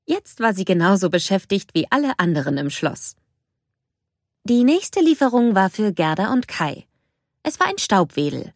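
A woman narrating a children's storybook in a gentle, measured way. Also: on the low side, dry recording, studio quality. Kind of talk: storybook reading.

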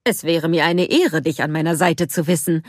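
Kindly grey coachman in a storybook, read by a woman, low and courteous. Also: normal speed, dry recording, clean studio sound. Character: friendly strong grey-haired male coachman. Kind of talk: storybook reading.

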